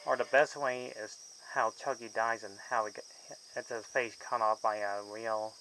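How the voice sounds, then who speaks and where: A man's voice: fairly low pitch, fairly even intonation, moderate pace, pushed and bright, slight background noise, poor audio. A man giving a casual, rambling film review vlog, with loosely strung sentences that often trail off mid-thought. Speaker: movie reviewer.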